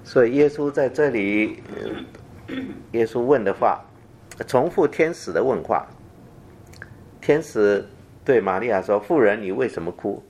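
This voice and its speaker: A man preaching a Bible teaching sermon, talking haltingly with fillers and repeated phrases, and dropping softer to read the scripture quotes. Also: medium pitch, animated, a little hiss or hum.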